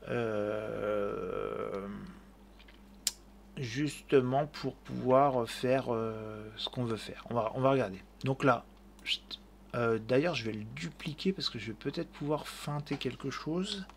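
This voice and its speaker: A man hosting a screen-recorded software tutorial, thinking aloud and narrating each click with fillers, speaking into a desk mic at his computer. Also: mid-range voice, a little slow, gravelly, a little hiss or hum.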